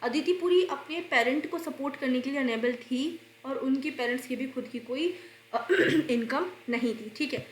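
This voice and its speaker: A woman teaching grammar for exams, explaining slowly, repeating answers and posing questions she answers herself, coughing and clearing her throat while unwell. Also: sits high, roomy sound, a little hiss or hum. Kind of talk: exam-prep grammar lesson.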